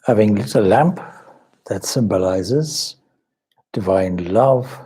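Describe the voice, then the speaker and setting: A swami leads a guided meditation in a low, husky, mellow voice. He speaks very slowly and contemplatively with lively intonation, leaving long pauses between short phrases as a spiritual teacher does.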